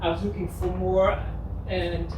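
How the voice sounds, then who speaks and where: A woman's voice: on the low side, flat delivery, unhurried. A woman from Switzerland giving a live presentation, earnest and personal, with a few restarts. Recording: echoey room, distant mic, noise.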